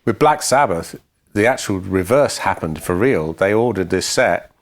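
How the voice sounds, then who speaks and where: A man's voice: deep voice, expressive, normal speed. A man co-hosting a podcast, telling band anecdotes in a dry, matter-of-fact way. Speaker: podcast co-host and musician. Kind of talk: casual storytelling chat.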